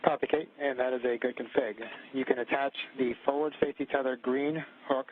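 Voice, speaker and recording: A man acting as mission communicator, giving measured procedural instructions over a radio. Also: mid-range voice, steady tone, slightly rough. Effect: radio transmission. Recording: tinny radio link with faint static.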